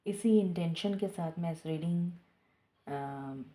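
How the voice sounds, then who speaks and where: Slow soft-spoken woman. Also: on the low side. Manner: slow and soft, switching between Hindi and English. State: out of breath. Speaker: tarot reader. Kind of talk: guided prayer and tarot reading.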